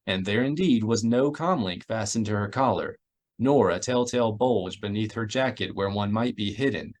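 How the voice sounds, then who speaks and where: With a lowish voice and moderate pace, a male audiobook narrator performs scripted narration of a science fiction novel, including character voices.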